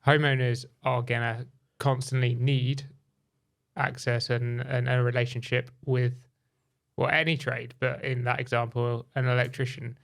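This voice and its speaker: Male podcast host, clean resonant voice, fairly flat intonation, measured conversational delivery. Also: medium pitch, creaky. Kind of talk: casual interview talk.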